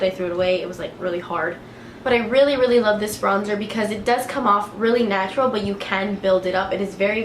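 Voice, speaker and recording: A beauty vlogger with a head cold chats casually about products she likes, her mid-range voice congested from a clogged nose. She uses a lot of filler words. The recording has an echoey room sound, faint ambience, and a little hiss or hum.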